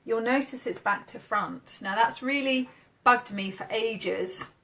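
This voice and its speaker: A woman's voice: a little high, measured pace, pushed and bright. A woman from the UK, a marketing coach, chatting upbeat and casual on a live stream while demoing on screen. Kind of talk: casual Facebook Live chat.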